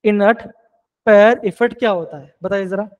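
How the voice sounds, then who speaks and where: High-voiced man teaching a live chemistry class. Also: fairly even intonation, moderate pace, a little mellow, poor audio. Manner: coaxing, repeats questions to students.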